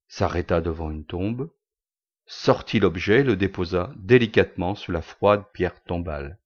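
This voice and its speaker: Man narrating a story in a low voice. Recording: dull lo-fi recording.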